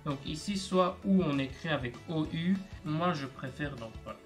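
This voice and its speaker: A man's voice: on the high side, normal speed, soft background music. A man teaching a video language lesson, explaining step by step and patiently repeating words for learners.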